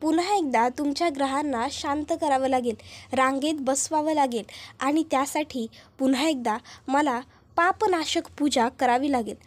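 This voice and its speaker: A woman's voice: sits high, natural voice. A woman voicing a scheming male priest who persuades solemnly.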